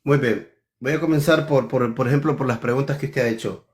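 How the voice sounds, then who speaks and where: A man's voice: medium pitch, a little fast. A man in a heated theological debate, accusing his opponent and stressing key words over and over.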